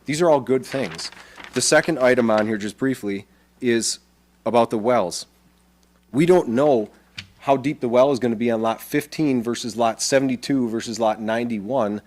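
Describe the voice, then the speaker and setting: A man's voice: mid-range voice, normal speed, darkish tone. A man presenting a development plan at a town board meeting, explaining plainly and casually, with frequent restarts.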